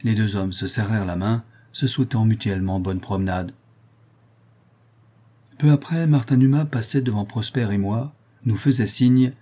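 A man narrating a novel in a measured, even storytelling manner. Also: on the low side, breathy edge. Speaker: audiobook narrator.

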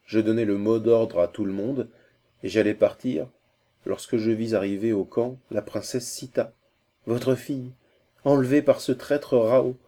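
A man's voice: mid-range voice, unhurried, warm tone. A man reading aloud and voicing an Indian messenger, a fierce conspirator full of urgency and hatred for his enemies. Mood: scornful report. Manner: urgent, scornful, savage laughter.

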